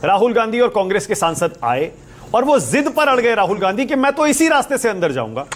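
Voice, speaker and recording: Male debate anchor, high animated voice, moderates crisply. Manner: lays out both sides, hands the floor to guests, quick follow-up questions.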